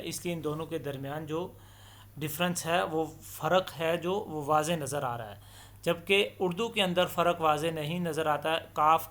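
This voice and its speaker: Male recitation teacher, slightly high voice, patient explainer who stretches out letter sounds in long, loud demos. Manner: draws out each letter sound slowly and loudly in demonstration; patient explanatory tone, mixes in English terms. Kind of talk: step-by-step letter pronunciation lesson.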